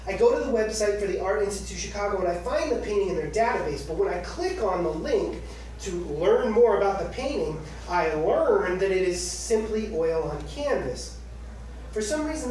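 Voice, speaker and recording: This author, a man in his 30s, has a high-pitched yet dark-toned voice. He reads his own memoir essay live to an audience in an indoor book-launch room, sounding wry and conversational. The mic catches him from afar in an echoey room, with some faint noise.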